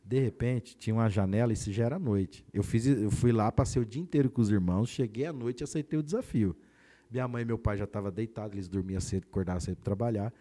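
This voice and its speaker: Low, dark-voiced Brazilian pastor. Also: male voice, fast talker. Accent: Brazilian Portuguese. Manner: animated storyteller who acts out quoted voices. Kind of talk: personal testimony in a podcast conversation.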